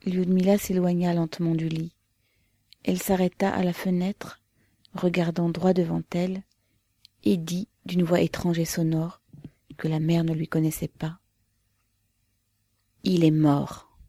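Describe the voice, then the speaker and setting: Casting: audiobook narrator, woman, lowish voice, measured and grave. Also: flat delivery, mellow, no echo. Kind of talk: audiobook reading of a novel.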